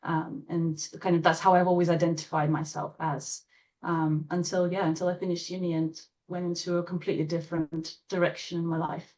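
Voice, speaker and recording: Woman, lowish voice, guest in a chat, lots of ums and little laughs. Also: flat delivery, a little fast. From Latvia. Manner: thoughtful, hesitant, many fillers and soft laughs. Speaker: interview guest, trauma-informed coach. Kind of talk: casual interview chat.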